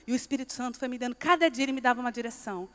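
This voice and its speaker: A woman's voice: fairly high pitch, racing, sharp tone. A woman from Brazil giving a testimony sermon at a church conference, telling stories and acting out both sides of the dialogues. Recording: long hall reverb.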